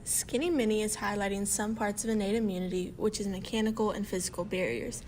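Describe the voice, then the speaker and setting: A woman, a student presenter, reading out a science explanation in a steady, informative way. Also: medium pitch, quick pace, a little hiss or hum, low-quality recording. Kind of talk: read educational explanation.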